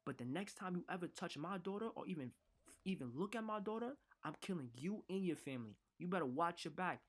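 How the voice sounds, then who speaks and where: A man's voice: high voice, lively intonation, fairly quick, fairly bright tone. A man doing an angry threatening father. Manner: menacing street slang.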